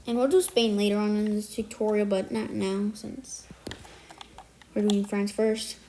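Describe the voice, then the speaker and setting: A slightly sick tutorial maker walks through a building tutorial step by step, counting out blocks and fixing small slips along the way. The voice is medium-pitched, level, warm, and unhurried, with a little hiss or hum in the audio. Music plays underneath.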